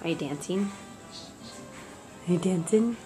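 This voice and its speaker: A woman's voice: on the low side, measured pace. A woman filming her toddler at home, coaxing her in repetitive, sing-song baby talk and laughing often. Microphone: handheld camera. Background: faint music.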